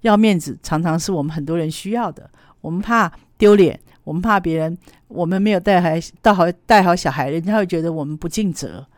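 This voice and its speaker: Lively woman telling parenting stories. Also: fairly low pitch, brisk, no echo, studio quality. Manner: animated, chatty storyteller. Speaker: early childhood educator. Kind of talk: podcast storytelling talk.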